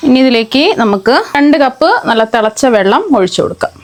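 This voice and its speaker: A woman hosting a cooking channel, explaining a recipe step by step in a steady voice-over. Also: a little high, fairly quick, faint music behind.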